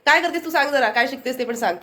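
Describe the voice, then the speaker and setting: Brief: woman vlogger, Konkan Marathi accent, brisk chatter to a phone camera. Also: sits high, bright, forceful tone. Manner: chatty, shows things to the camera. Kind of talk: casual daily vlog narration. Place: family home, indoors.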